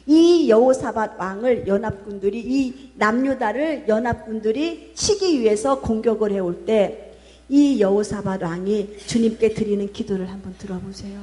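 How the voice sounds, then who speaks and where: A woman's voice: mid-range voice, normal speed, warm tone. A woman pastor preaching a sermon in a church, pressing her points with a string of rhetorical questions. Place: church sanctuary. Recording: long reverb of a church hall.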